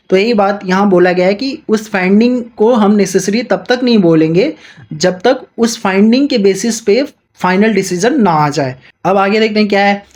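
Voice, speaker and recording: A man giving a law lecture. He reads English legal text out slowly and explains it quickly in Hindi mixed with English terms. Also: high-pitched, a little mellow. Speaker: law teacher.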